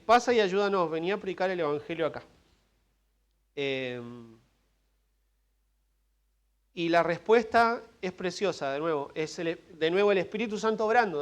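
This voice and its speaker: Argentine pastor guy preaching at church, pretty high voice, chatty, cracks jokes, keeps asking the room amen?. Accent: Argentine Spanish. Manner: conversational preaching with asides, humor and questions to the congregation. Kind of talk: expository sermon. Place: church service.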